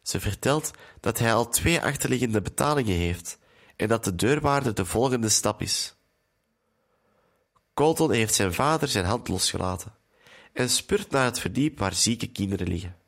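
A man calmly retelling a film's story as narrator. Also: on the low side, moderate pace.

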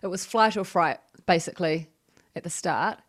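A woman interviewing a guest, giving short affirmations and asking gentle questions. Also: fairly low pitch, moderate pace. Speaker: podcast interviewer. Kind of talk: conversational interview.

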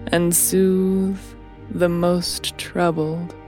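Very slow sleep story narrator, a woman. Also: lowish voice, flat delivery, a little mellow, faint music behind.

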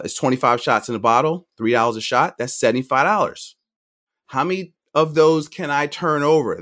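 Fast-talking, energetic middle-aged man. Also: medium pitch. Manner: energetic, talks fast, jumps between points with restarts. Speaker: financial advisor, podcast guest. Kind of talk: conversational podcast interview.

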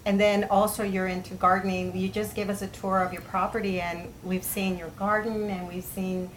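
A woman's voice: mid-range voice, level tone, moderate pace, slight background noise, low-quality recording. A woman co-hosting a casual interview, friendly as she leads the questions. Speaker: podcast co-host.

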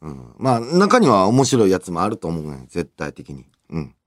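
A man's voice: deep voice, huge pitch swings, normal speed. A man with a Kansai accent chatting casually as a podcast co-host, laid-back and teasing. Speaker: comedy duo podcast co-host. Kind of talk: casual chat.

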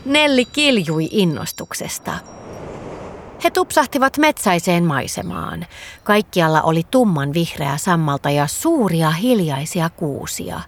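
Expressive woman reading a children's story. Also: fairly low pitch, a little hiss or hum.

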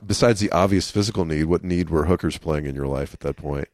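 A man's voice: very deep voice, fast talker, darkish tone, no echo. A man hosting a podcast interview, chatting casually and throwing in wry jokes. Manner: joking, wry asides. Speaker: podcast host.

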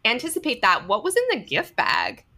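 Female podcast guest, animated and bright, casual chat. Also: a little high, brisk, gravelly. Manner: animated, laughs often.

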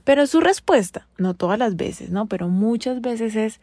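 A woman's voice: a little high, expressive, normal speed, warm tone, no room sound. Woman, casual monologue, rhetorical questions, wry and exasperated, dry close sound. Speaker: vlogger addressing women.

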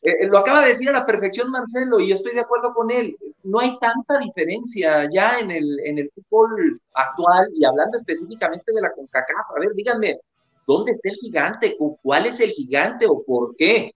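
A man on a sports panel who speaks quickly and rhetorically, firing off questions. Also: high-pitched, expressive, a bit bright, lo-fi sound.

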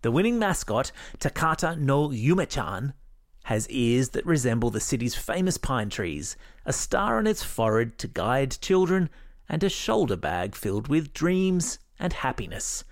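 A man's voice: mid-range voice, very animated, a little slow, dry recording, studio quality. An Australian man hosting a kids' news podcast, reading scripted stories in an upbeat, playful way with jokey asides.

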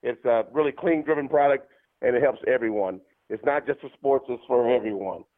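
A man's voice: medium pitch, fairly quick. A man in his fifties calling in as a radio guest, talking eagerly with lots of "uh" fillers. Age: 50s. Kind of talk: phone-in interview. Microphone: phone. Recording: tinny phone line.

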